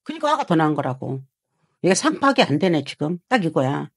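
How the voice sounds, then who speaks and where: A woman's voice: low-pitched, very animated, fairly quick, breathy edge, no room sound, studio quality. A woman fortune teller harshly scolding a client, swearing and prodding him with rhetorical questions. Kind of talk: heated consultation with a client.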